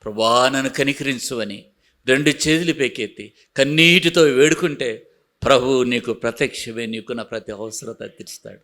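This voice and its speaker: A man preaching a sermon as pastor, with emphatic repeated refrains that drop to a soft, pleading hush. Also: medium pitch, moderate pace.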